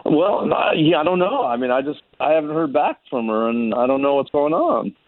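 A man calling a radio show over the phone, talking in a halting, hesitant way with many fillers. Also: fairly high pitch, lively intonation, no echo. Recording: tinny phone line, dry.

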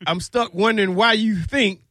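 A man's voice: high voice, moderate pace, sharp tone, no room sound. A man co-hosting a radio show, trading dry, needling jabs in casual banter. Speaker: radio co-host.

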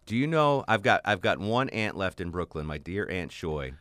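A man's voice: low voice, sing-song, moderate pace, a bit bright, no room sound. A male radio host chatting casually with his guest in an easygoing way that often laughs along. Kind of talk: casual interview chat.

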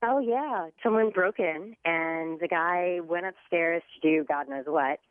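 A woman's voice: fairly low pitch, measured pace, dry recording. Woman caller on a tinny phone line. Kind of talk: radio call-in.

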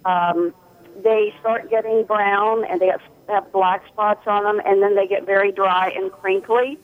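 A woman calling in to a radio show on a speakerphone, talking in a halting, hesitant way. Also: mid-range voice, fairly even intonation. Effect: speakerphone over a phone line. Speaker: radio caller. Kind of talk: call-in radio question. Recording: tinny phone line.

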